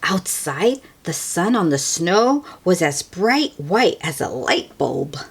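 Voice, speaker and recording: A female host reads a children's storybook aloud in a lowish, husky voice, slow and expressive. She drops into hushed asides for young listeners at times and explains words simply along the way.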